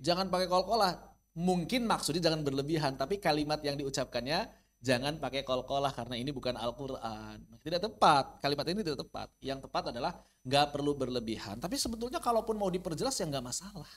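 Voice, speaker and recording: High-voiced man teaching tajwid. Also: expressive, fast talker. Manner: explanatory, demonstrates Arabic sounds by repeating them. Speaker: Quran recitation teacher. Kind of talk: online tajwid lesson.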